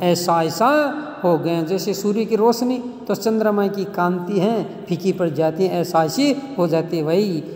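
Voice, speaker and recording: A man teaching a classical play, reading each line and then explaining it plainly, sometimes chanting verse in a slow sing-song. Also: high voice, darkish tone. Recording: echoey room with long reverb.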